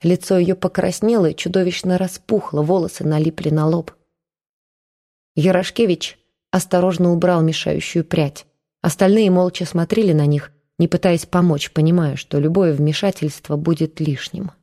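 A woman reading an audiobook, narrating with even, dramatic storytelling. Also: fairly low pitch, moderate pace.

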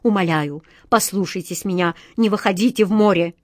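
A woman's voice: medium pitch, a little fast, darkish tone, no room sound, studio quality, natural voice. A woman voicing a kind, superstitious male sea captain in a storybook, earnest and pleading.

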